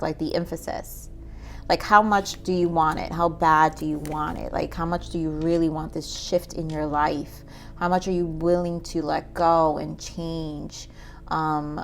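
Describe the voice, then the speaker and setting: A woman with a low voice and a gravelly edge gives a relaxed tarot reading. She muses aloud, fills her talk with "like" and "um," and asks spirit for answers as she pulls cards. Soft music plays underneath. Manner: musing, says "like" and "um" often, talks to spirit while pulling cards. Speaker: tarot reader.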